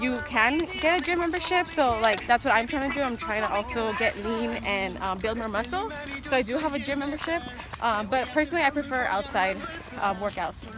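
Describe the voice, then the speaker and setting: Chatty young woman vlogging on a hike. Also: on the high side. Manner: chatty, lots of "um" fillers. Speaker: fitness vlogger. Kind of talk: casual Q&A while hiking. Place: outdoors on a hillside trail. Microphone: camera carried alongside while walking.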